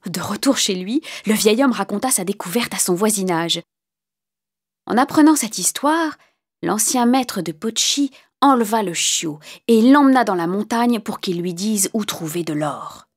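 Husky woman narrating a fairy tale. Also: mid-range voice. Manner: calm, measured, sometimes dropping to a hushed whisper. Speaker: storyteller. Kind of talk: storybook narration. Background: faint music.

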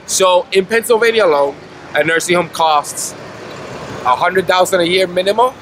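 Speaking outdoors on a city street, a man in his thirties insists earnestly on his cause in a street interview. His voice is a little high for a man and a bit bright, his pace moderate, and clear traffic and city ambience run beneath every word.

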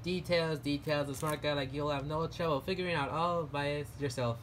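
A man voicing an easygoing male frog puppet with a folksy, hesitant, unhurried manner in an amateur parody. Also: a little high, steady tone, fairly bright tone, close to an everyday voice. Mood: reassuring, folksy. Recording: noisy homemade recording.

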